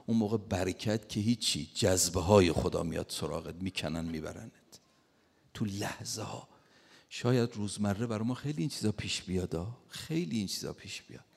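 A man with a low, gravelly voice delivers a sermon as a story, now and then breaking into loud bursts as he acts out what others said. His voice rings out with the long reverb of a large hall. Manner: retells a story, acting out quoted lines with sudden loud bursts. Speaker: preacher.

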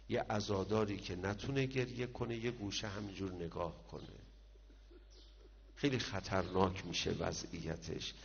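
Gravelly preacher in an echoing hall. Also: male voice, lowish voice. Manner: swings from loud declaiming to hushed murmurs. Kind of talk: sermon with mourning recitation. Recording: dull sound with long hall reverb.

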